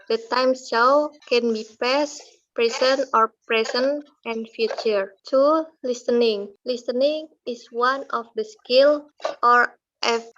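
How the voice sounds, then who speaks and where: A young woman reading a class presentation aloud in a careful, deliberate way. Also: fairly high pitch, a bit bright, muffled recording. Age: young adult. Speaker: student presenter.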